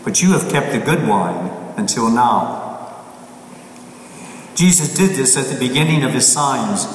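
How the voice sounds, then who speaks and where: A man preaching as a priest in a large church, his voice ringing with heavy cathedral echo and a long, lingering reverb. He sounds distant from the microphone, with faint noise underneath. His delivery is plain and halting, often restarting a phrase mid-sentence. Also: medium pitch, expressive. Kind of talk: gospel reading and homily.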